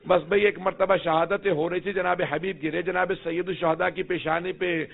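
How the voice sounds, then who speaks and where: A man's voice: high-pitched, little pitch movement, vocal fry. A man preaching a mourning sermon, telling its story in a dramatic, emotive way. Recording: tinny phone-like sound.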